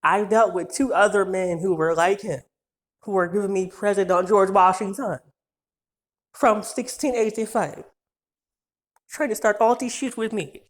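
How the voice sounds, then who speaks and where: A woman's voice: medium pitch, unhurried, long pauses. A woman in her twenties ranting through a casual storytime video, cursing freely, rambling, and laughing often. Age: 20s. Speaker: vlogger.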